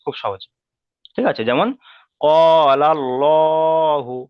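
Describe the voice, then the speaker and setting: A man's voice: mid-range voice, quick pace, no echo, muffled recording. A man teaching a Quran reading class online, with a Bengali accent, patiently repeating rules and checking that students follow.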